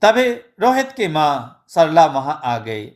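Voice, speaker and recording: A man narrating a moral story in a slow, even storytelling manner. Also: on the high side.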